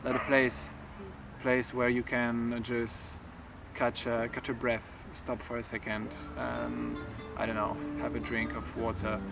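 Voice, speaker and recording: Halting Polish-accented man, mic at a distance. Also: medium pitch, monotone, over loud music. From southern Poland. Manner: halting, with restarts and cut-off words. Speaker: photographer. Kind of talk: interview talk. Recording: distant mic with clear background noise.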